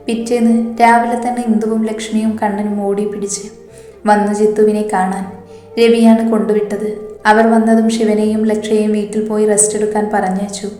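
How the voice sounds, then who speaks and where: A woman narrating a romantic story in a steady, even storytelling manner. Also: medium pitch. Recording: roomy echo, faint background music.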